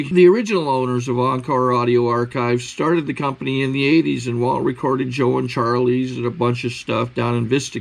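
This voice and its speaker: A man's voice: on the high side, gravelly, low-quality recording. A man giving an informal, plain-spoken introduction as the host of an audio archive channel.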